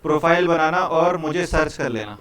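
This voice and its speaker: A man from India leads a live programming lesson in a classroom, speaking to his students in a loose, friendly, chatty way. He keeps checking in with them as he goes, and his voice sits a little on the high side. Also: lively intonation, normal speed, a bit bright. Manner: casual, repeats "ठीक है" and "भाई", coaxing students. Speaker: programming teacher.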